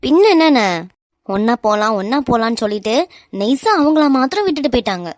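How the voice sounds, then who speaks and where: A cheeky young man in a cartoon, forever complaining and teasing, voiced by a woman. His voice is high, with a Kanyakumari Tamil accent. The recording is dry and close. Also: animated, quick pace, no room sound, natural voice. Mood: whiny teasing. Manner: whiny, teasing.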